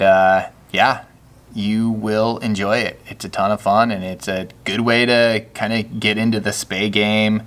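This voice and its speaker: Low-voiced man chatting about fishing flies. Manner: relaxed, chatty, many fillers and restarts. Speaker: fly shop guide. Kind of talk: casual product walkthrough. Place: indoors at a table, voice from off camera.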